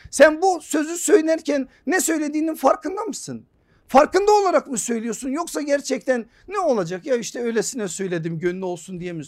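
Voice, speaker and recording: A man preaching a sermon from a pulpit microphone, pressing the congregation with impassioned rhetorical questions. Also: extremely high pitch. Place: mosque pulpit.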